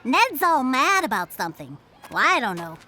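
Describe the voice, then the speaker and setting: A woman's voice: sits high, very animated, moderate pace, bright, forceful tone, a little hiss or hum, heavily acted. A woman voicing an eager, curious young girl animal full of wide-eyed exclamations, in a radio drama. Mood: excited.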